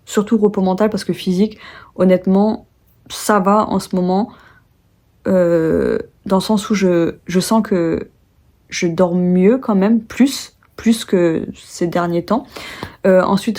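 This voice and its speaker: A young woman from France talks casually to camera from her home. She rambles, fills her pauses and keeps correcting herself mid-sentence, as if working her thoughts out aloud. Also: lowish voice, darkish tone. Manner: rambling, many fillers and restarts, self-correcting. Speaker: vlogger.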